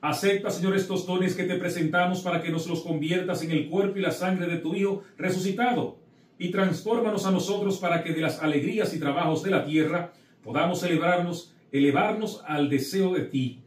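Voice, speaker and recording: A middle-aged priest preaches encouragingly, then solemnly recites the prayers of the Mass in a small indoor chapel with an altar. His voice is high and moderately paced, sounding distant in an echoey room.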